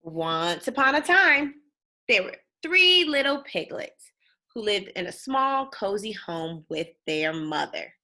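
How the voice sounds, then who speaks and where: Slow and sharp-toned, a woman's mid-range voice rises and falls dramatically as she reads a picture book to children with lots of expression. Every so often she breaks off to ask the young listeners something.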